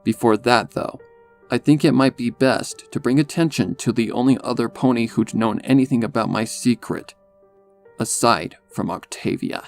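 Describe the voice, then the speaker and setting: A man reading a dark first-person story as a narrator, in a measured, solemn manner. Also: medium pitch, vocal fry. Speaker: fan fiction narrator. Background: music under the voice.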